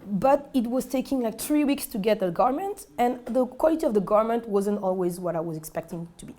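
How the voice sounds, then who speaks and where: An entrepreneur from Senegal, a woman in her twenties, speaks earnestly in a documentary interview set in a clothing shop. Her voice is on the high side, expressive, fairly quick and dark in tone, and she often corrects herself and restarts her sentences.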